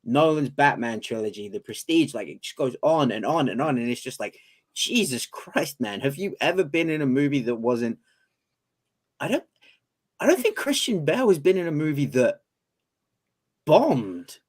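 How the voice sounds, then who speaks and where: A man's voice: medium pitch, sing-song, moderate pace. A man with a British accent co-hosting a casual podcast debate, enthusiastic and swearing casually. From Britain. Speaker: co-host.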